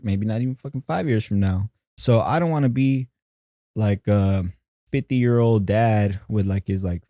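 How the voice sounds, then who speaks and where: A man's voice: on the low side, dark tone, dry recording. A man in his thirties, a podcast guest, chatting casually in a rambling, profane way full of filler words. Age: 30s. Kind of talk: casual chat.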